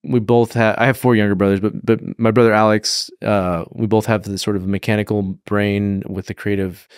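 A man's voice: fairly low pitch, level tone, brisk, smooth, no echo. A man in his thirties from California, speaking as a guest in a casual studio interview, with a dry, thoughtful manner and frequent restarts. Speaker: guest film director. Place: podcast studio, indoors. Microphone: studio mic on boom arm.

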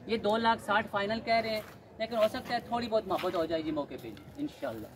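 Persuasive car dealer on a noisy lot. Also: male voice, high-pitched, fast. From Pakistan. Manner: persuasive, repetitive salesman patter. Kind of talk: sales walkthrough pitch. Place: outdoor used-car lot. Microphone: handheld phone camera.

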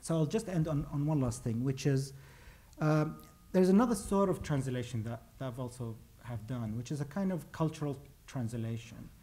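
A playwright in his forties from Iraq lectures about his own plays from a stage in front of a pale wall. His mid-range voice is warm and moderately paced, but he hesitates and restarts often.

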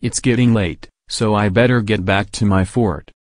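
A man voicing himself in his own animated cartoon, with deadpan, matter-of-fact delivery. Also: lowish voice, moderate pace, no echo, studio quality. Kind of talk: cartoon voice acting.

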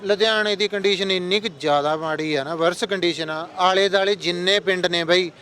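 A young man with a Punjabi accent talks earnestly in a casual street chat, explaining at length. His voice sits fairly high and sounds bright and forward, with traffic noise behind. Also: fairly even intonation, a little fast. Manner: earnest, explanatory, addresses friends as brother. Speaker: interviewee. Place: outdoors on a street.

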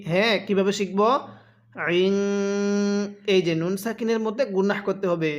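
A man teaching Quran reading step by step, patiently asking and answering his own questions between slow, drawn-out chanted recitations. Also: sits high, steady tone. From Bangladesh.

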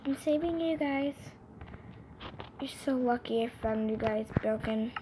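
Unhurried and on the high side, the voice of a young gaming-channel host narrates an improvised role-play over a video game in a playful, sing-song style. She recorded it on her phone mic, and the amateur screen recording is noisy.

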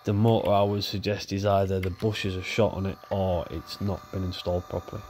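This repair video host has a deep voice, speaks fairly quickly, and sounds stuffy and nasal from a cold. He chats in a relaxed way while his hands work on the repair, with slight background noise present.

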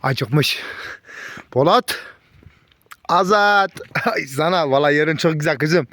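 A man's voice: on the high side, slow, fairly bright tone, dry recording. A man chatting casually outdoors in the snow, talking affectionately to his puppies and the camera. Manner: affectionate baby-talk to puppies. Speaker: dog breeder vlogger. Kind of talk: casual chat with animals.

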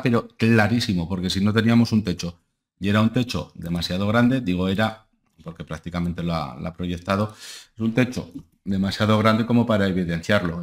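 Sitting indoors at home, a young Spanish stock analyst and channel host talks his viewers through charts on screen. His voice is low, and his loose, rambling delivery keeps circling back to tags like ¿vale? and ¿eh?.

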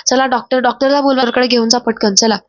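A woman's voice: fairly high pitch, steady tone, fast, no echo, muffled recording, close to an everyday voice. A woman voicing a hot-tempered, threatening village strongman in a retold TV drama. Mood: urgent. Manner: threatening, shouting.

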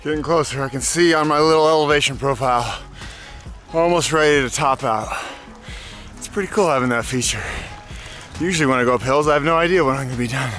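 Riding a dirt mountain road, a man in his forties films himself on an arm's-length action camera, talking fast in a mid-range, fairly bright voice over soft background music. His casual vlog narration is upbeat and chatty, with sing-song moments and remarks to animals along the way.

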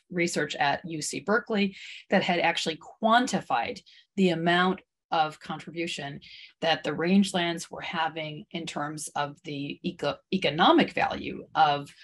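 A middle-aged woman walks through her slides as a guest speaker. Her voice sits a little low, and she fills her pauses with ums and restarts her phrases. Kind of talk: slide presentation.

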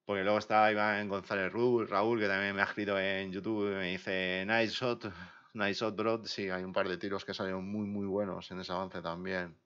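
A man from Spain chatting casually on a live game stream, slangy and rambling, often drifting quietly away from the mic. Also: low-pitched, little pitch movement, brisk, few pauses, smooth. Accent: Spain Spanish. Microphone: desk mic, sometimes far from it. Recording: dull lo-fi stream audio.

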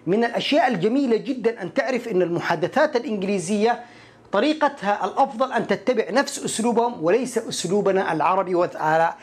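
A man teaching English in an online lesson, explaining patiently and repeating short English phrases slowly while talking straight to the viewer. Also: sits high, expressive, husky. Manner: addresses the viewer directly.

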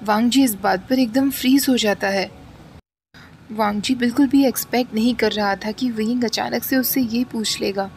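A woman reading a fan fiction story aloud in steady, even narration. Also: fairly high pitch, moderate pace, slight background noise. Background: faint background music.

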